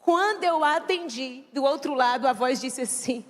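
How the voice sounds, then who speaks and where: High-voiced young woman preaching a testimony. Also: normal speed. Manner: emotional storytelling, addressing the congregation often. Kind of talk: testimony sermon to a congregation. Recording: long hall reverb, faint music.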